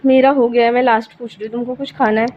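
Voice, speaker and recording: A bossy, quick-tempered young woman, voiced by a female storyteller snaps out orders in a fairly high voice. The storybook recording is dull and lo-fi, with a faint hiss behind it. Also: steady tone, natural voice. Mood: commanding. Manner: scolding, commanding.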